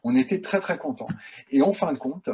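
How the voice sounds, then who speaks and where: A man talking as the guest of an interview, telling stories in a chatty, animated way. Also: on the high side, a little fast, a little hiss or hum. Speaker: guest filmmaker. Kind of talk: casual interview answers.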